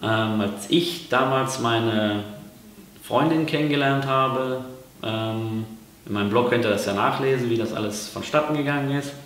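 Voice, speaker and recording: Speaking at normal speed in a mid-range, slightly bright voice, a German vlogger hesitantly explains things, full of fillers and restarts. The recording has a lot of room echo.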